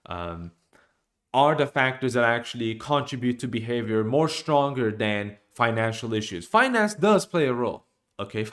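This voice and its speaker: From a cramped room at home, a young man from Norway streams an opinionated monologue to his desk webcam in a medium-pitched voice. His delivery is full of animated gestures and restarts.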